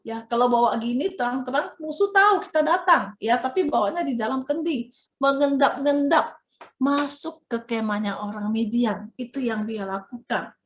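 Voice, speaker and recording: A woman teaching Sunday school, telling a Bible story to children in an animated way and asking them questions. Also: a little high, moderate pace, roomy sound. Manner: animated, asks children questions, dramatic exclamations.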